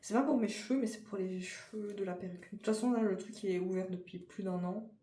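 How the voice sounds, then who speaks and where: A young woman with a French accent chats informally to her viewers, starting sentences over and filling gaps with little hesitations. Her voice is mellow and rather dark. The room sounds echoey, with a faint hiss of noise behind her. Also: medium pitch, quick pace. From France. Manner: chatty, informal, frequent fillers and restarts. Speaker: vlogger. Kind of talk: casual vlog chat.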